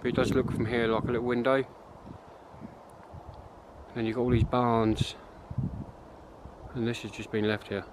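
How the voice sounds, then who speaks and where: An English urban explorer vlogger narrates casually while poking around an abandoned farm, outdoors and in derelict barns, wondering aloud and addressing viewers. His medium-pitched voice barely shifts in pitch and runs at normal speed with long pauses. The background is noisy.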